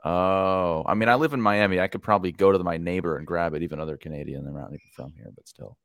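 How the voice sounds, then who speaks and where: A man's voice: deep voice, fast talker, creaky, no echo. A man hosting a casual podcast, joking and steering the segments. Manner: joking, playful, runs the show segments. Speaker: podcast host.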